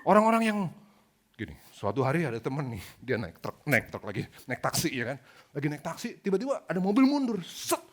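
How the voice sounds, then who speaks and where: A man's voice: on the high side, a little fast. A male pastor preaching a sermon, telling stories with slang and jokes. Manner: animated storytelling with slang and jokes.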